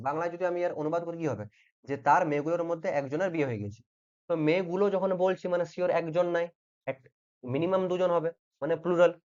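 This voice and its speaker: A man's voice: fairly high pitch, darkish tone, lo-fi sound. A man teaching grammar in an online lesson, patiently repeating each point and checking that the students follow. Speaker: exam-prep English teacher.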